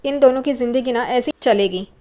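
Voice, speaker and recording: A protective young husband talks his wife through her worries in blunt, casual street speech, read by a woman narrator. The voice sits a little high and stays close to an everyday tone. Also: normal speed, mellow, lightly acted. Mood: insistent. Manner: reassuring, plain-spoken street Hindi.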